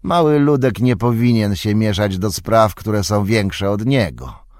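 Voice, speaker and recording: A man voicing a sly, menacing male orc who whispers and hisses slowly in an audiobook. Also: fairly low pitch, lively intonation, no echo, studio quality. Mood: mocking. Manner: soft hissing menace, slow and wheedling.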